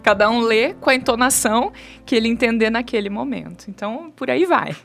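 A Brazilian woman in her thirties speaks as a guest expert on a studio talk show. Her voice sits a little high, and she explains at length with animated, acted-out examples of what people say. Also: brisk, gravelly, soft background music. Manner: animated, acts out quoted speech. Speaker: communication specialist guest.

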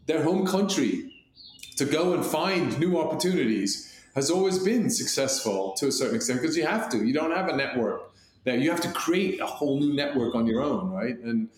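A man born in Hong Kong, co-hosting a podcast, telling stories in a rambling, animated way with many restarts. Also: fairly high pitch, normal speed, slight background noise. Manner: rambling, animated storytelling with frequent restarts and laughs. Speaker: podcast co-host. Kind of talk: casual conversation. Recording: echoey room sound.

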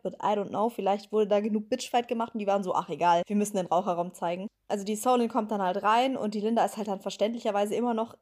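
A young woman casually recapping a reality show, chatty and sarcastic, slipping into slang. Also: a little mellow. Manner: chatty, sarcastic, slangy, mimics people in high squeaky voices.

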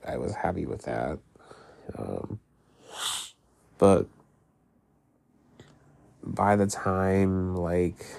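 Gravelly, congested low-voiced man. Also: warm tone. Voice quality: gravelly, phlegmy throat. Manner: halting, rambling, heavy use of "like"; casual swearing. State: sick, congested with mucus in throat. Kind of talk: casual personal diary-style talk.

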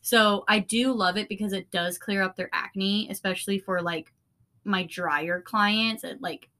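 Bright-voiced chatty woman. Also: medium pitch, steady tone, a little slow. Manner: chatty, giggly, many fillers, swears casually. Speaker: podcast co-host, esthetician. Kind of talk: casual chat.

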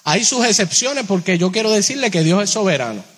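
Male preacher, high voice, sermon delivered direct to the congregation, slows on key phrases, long hall echo. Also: lively intonation, fairly bright tone, breathy edge. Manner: addresses listeners directly with rhetorical questions; slows down on key phrases, shifts pitch a lot.

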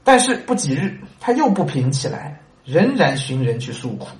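Man, storytelling lesson with commentary, rhetorical questions, fairly high voice, very animated pitch, roomy echo. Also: moderate pace. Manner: conversational, asks listeners rhetorical questions. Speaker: reader and commentator on a classic story.

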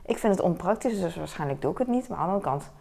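A young woman talks straight to her viewers in a loose, rambling way, filling gaps with little asides. Her voice sits on the low side with a gravelly fry running through it. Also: animated, very fast, mellow. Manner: rambling, frequent fillers and "weet je wel". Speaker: vlogger. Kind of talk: casual chat to camera.

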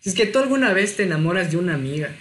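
A man, telling a personal story in casual chat, lively and self-mocking. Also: sits high, rapid-fire, slight background noise. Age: 20s.

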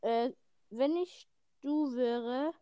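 Giggly teenage girl, high and unhurried. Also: dark tone, smooth, muffled recording. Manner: giggly, playful. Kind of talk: casual chat game.

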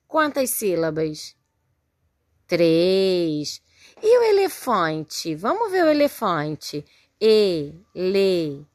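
A Brazilian woman teaches young children, taking her time and breaking each word into careful syllables. She speaks slowly and keeps praising the class. Her voice is close and dry, with no room sound. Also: fairly low pitch, big pitch swings, no room sound. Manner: patient, spells words out syllable by syllable, frequent praise. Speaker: primary school teacher. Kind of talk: recorded remote lesson for young children.

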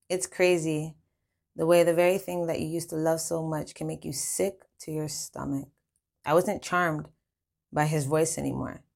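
A woman's voice: deep voice, creaky. A woman reading her own first-person story in a casual, slangy way. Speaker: narrator.

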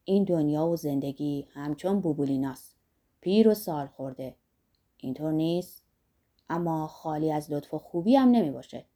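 A woman voicing a rough, lusty old man who talks bluntly and boastfully about life and age. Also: low voice, animated, mellow, pitched below the performer's own voice. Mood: earthy musing.

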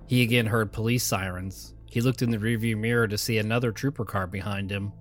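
A man narrating a scary story in a calm, measured voice. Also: lowish voice, soft background music. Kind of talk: scripted narration.

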